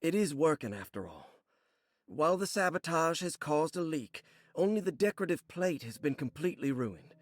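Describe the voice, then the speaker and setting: A measured, formal tone to a calm household servant in a video game. The voice sits a little high and has a husky, breathy grain. Every line is delivered evenly and politely. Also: male voice, no room sound.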